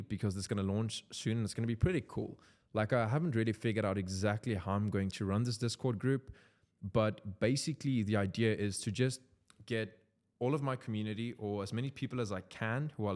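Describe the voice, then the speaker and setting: In a lowish, slightly mellow voice, a young content creator from South Africa talks loosely in English during a casual, unscripted vlog. An Afrikaans speaker with a South African accent, he leans heavily on "like" as a filler.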